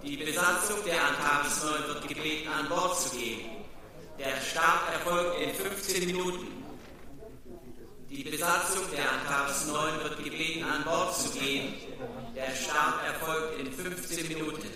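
An actor playing a spaceport announcer in a radio play, calling out boarding notices over a loudspeaker in a formal, measured way. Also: male voice, a little high, fairly even intonation, far from the mic, crowd noise. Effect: public address loudspeaker announcement. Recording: very echoey loudspeaker heard from afar.

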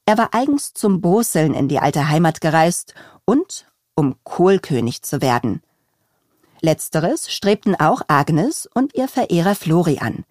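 Woman, audiobook narrator, calm even storytelling, lowish voice, dry close recording. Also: a little slow, dry recording. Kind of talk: scripted narration.

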